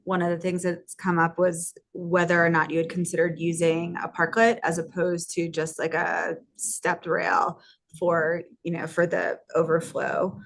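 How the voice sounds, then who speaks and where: A woman council member with a low, gravelly voice sums up the council's concerns for a speaker. Her tone is measured and hedging, with steady fillers. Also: a little hiss or hum. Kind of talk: council meeting discussion. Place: council chamber.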